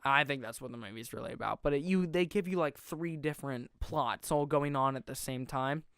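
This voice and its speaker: A young man hosting a podcast, reviewing a film in a casual, rambling, excitable way and often correcting himself mid-sentence. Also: mid-range voice, a little fast, smooth, no echo, clean studio sound. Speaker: podcast host.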